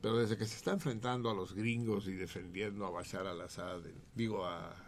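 A man hosting a radio show, joking and swearing in casual, animated talk. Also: on the low side, a little fast, a little hiss or hum. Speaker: radio host. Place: radio studio.

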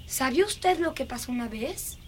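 A woman's voice: high-pitched, expressive, moderate pace, a little mellow, slight background noise. A woman dubbing a dreamy, eerie little girl who is fascinated by dead beetles, in a lingering, singsong, childlike way. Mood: chatty. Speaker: dubbing actress. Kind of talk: film dubbing.

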